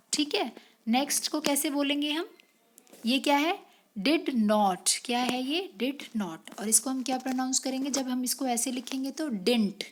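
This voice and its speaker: Slow-talking woman teacher, high voice. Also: a little hiss or hum. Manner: mixes Hindi and English, asks and answers its own questions; slow, drawn-out reading of English sentences. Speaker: English teacher. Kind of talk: explaining a grammar exercise to children.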